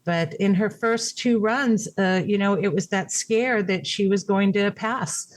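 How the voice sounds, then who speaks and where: A podcast guest who is a caregiver, this middle-aged woman grew up with Japanese as her language. In a conversational, reflective interview, she tells of her caregiving, frequently restarting and using fillers. She speaks in a mid-range voice at a measured pace, with no echo.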